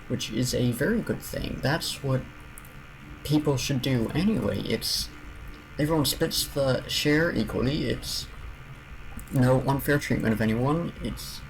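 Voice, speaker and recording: Gravelly-voiced man rambling while gaming. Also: medium pitch, slight background noise, poor audio. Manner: rambling, thinking aloud with many restarts. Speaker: streamer. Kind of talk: casual gameplay commentary.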